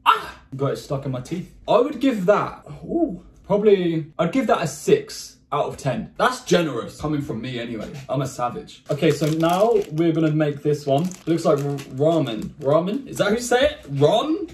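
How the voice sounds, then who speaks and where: Excitable young man, echoey room. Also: fairly high pitch, moderate pace, hardly any pauses, a little hiss or hum. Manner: excitable, joking, swears and exclaims. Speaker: vlogger. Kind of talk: casual candy-tasting vlog. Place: his bedroom.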